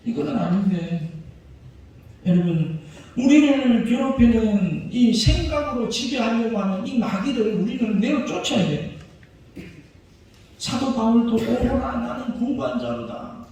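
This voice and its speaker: High-voiced male pastor in an echoey hall. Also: darkish tone, slight background noise. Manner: emphatic, asks the congregation rhetorical questions. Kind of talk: sermon. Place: church sanctuary. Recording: very echoey church hall, voice far from mic.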